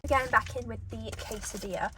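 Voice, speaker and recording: High-voiced British woman chatting while eating. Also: pushed and bright. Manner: eating as she talks, with pauses for bites. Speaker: mukbang host eating and reviewing food. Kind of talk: casual chat to camera while eating. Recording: distant microphone, noticeable background noise.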